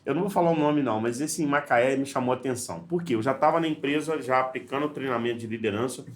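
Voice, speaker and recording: A man's voice: medium pitch, fast talker. A man, a leadership trainer who is a guest on a podcast, telling stories in a casual way, acting out the dialogue and often restarting his sentences. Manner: animated storyteller, acts out dialogue, frequent restarts. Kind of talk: casual storytelling conversation. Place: podcast studio.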